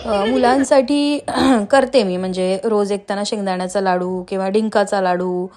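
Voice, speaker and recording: A woman in her thirties, a homemaker vlogging casually at home, chatty with frequent pauses and fillers. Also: medium pitch, steady tone, a little mellow. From Maharashtra, India. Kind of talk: casual vlog chat and voice-over.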